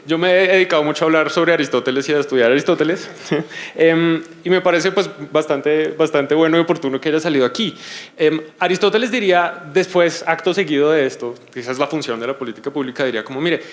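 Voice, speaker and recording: A man's voice: on the high side, fast. A man opening a forum panel for an audience, speaking hesitantly with many fillers and putting questions to the room. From Colombia. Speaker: panel moderator.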